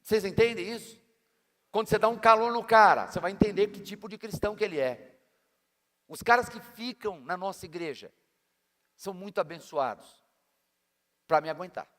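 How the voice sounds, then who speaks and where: A man's voice: high voice, normal speed, pauses often, a bit bright. A pastor, preaching a sermon in an emphatic, colloquial way with slangy asides to his congregation. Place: church hall. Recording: long church-hall reverb.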